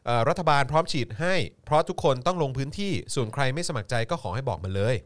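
Man, sarcastic co-host, fast talker, lively swings in pitch, swears a lot. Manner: sarcastic, swears freely, laughs while mocking. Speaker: podcast co-host. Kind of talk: casual political commentary chat.

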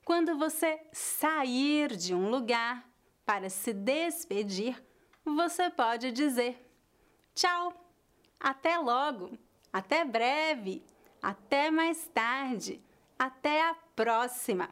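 Brazilian woman teaching portuguese, high voice, super slow and clear. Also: animated, fairly bright tone. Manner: clear, deliberate model phrasing. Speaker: language teacher. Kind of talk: slow scripted lesson narration.

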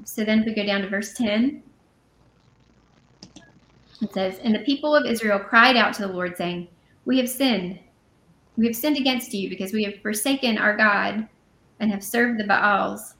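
A woman co-hosting a conversational Bible study podcast. She reads scripture aloud and then unpacks it in a relaxed, chatty way, with fillers and quick self-corrections. Her voice has a gravelly edge, and the room gives it a noticeable echo. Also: mid-range voice. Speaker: podcast co-host. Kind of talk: casual Bible study reading and commentary.

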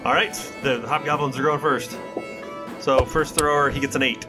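A man's voice: fairly high pitch, steady tone, moderate pace. A man running a tabletop game as game master, narrating casually. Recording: music behind the voice.

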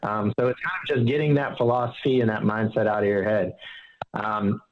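A man's voice: lowish voice, little pitch movement, a little fast, a little hiss or hum. Earnest male financial advisor, dull audio. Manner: earnest and explanatory, fond of analogies, many restarts. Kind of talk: casual interview.

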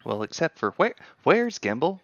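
A man's voice: fairly high pitch, very animated, normal speed, a bit bright, no echo. A man chatting casually as a player in a tabletop game, on a slightly lo-fi recording. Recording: dull, slightly lo-fi, dry sound.

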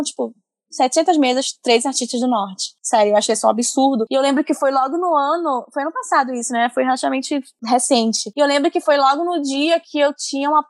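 High-voiced woman from northern Brazil. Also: dry recording, studio quality. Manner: animated storytelling, lively slang, laughs often. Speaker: guest, comics professional. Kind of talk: casual podcast interview.

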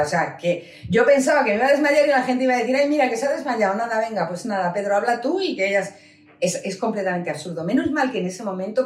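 A woman with a Peninsular Spanish accent giving an earnest personal testimony at a business seminar, speaking directly to her listeners. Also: mid-range voice. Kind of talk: personal testimony talk to an audience. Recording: roomy sound from a distant mic.

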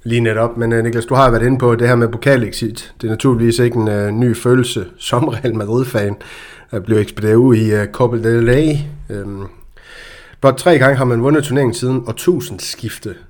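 A man's voice: mid-range voice, steady tone, darkish tone. A man hosting a casual football podcast, chatty and hesitant, with frequent fillers. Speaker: podcast host.

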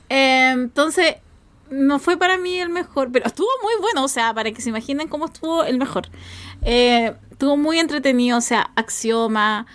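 Lady podcast co-host, kinda high voice, just chatting casually and giving her take. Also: moderate pace, fairly bright tone. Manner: informal, conversational. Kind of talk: casual chat, giving opinions.

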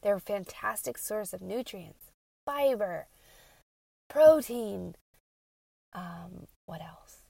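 This health coach for moms hosts a solo podcast in a husky, gravelly, medium-pitched voice, speaking slowly with long pauses on a dry recording. A stuffy nose makes her sound congested and nasal, yet she stays animated and informal, addressing listeners directly and repeating phrases for effect.

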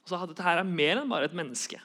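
A man's voice: a little high, lively intonation, sharp tone, breathy edge. A young man giving an earnest sermon, repeating key phrases for emphasis. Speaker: preacher.

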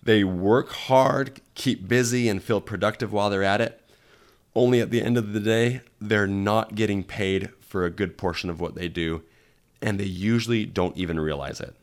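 A man's voice: lowish voice, normal speed. A man hosting a podcast in a conversational way, his voice scratchy from being under the weather. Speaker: podcast host. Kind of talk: conversational solo podcast talk.

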